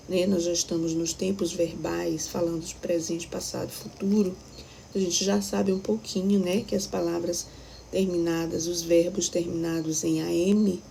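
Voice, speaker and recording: A woman's voice: lowish voice, vocal fry, mellow, slight background noise, poor audio. A Brazilian woman teaching a recorded primary school lesson, patiently explaining step by step and checking that the children follow. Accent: Brazilian Portuguese.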